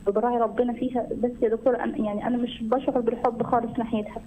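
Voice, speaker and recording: A woman's voice: on the high side, little pitch movement, rapid-fire, dark tone, a little hiss or hum, poor audio. An Egyptian woman in her late teens calling in for advice, answering hesitantly and briefly. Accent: Egyptian Arabic. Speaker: caller.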